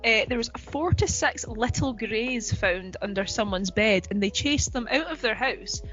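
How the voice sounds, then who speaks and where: A woman's voice: fairly high pitch, animated, unhurried, a bit bright, muffled recording, soft background music. A woman co-hosting a podcast in casual chat, talking in a chatty, giggly way with lots of fillers. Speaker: podcast co-host.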